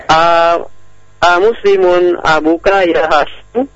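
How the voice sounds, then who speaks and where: A male caller on a crackly phone line that keeps breaking up, haltingly reading a language-lesson dialogue aloud with many hesitations. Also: fairly high pitch, steady tone, a bit bright. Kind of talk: student reading an Arabic dialogue aloud on a call-in. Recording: dull, noisy phone line.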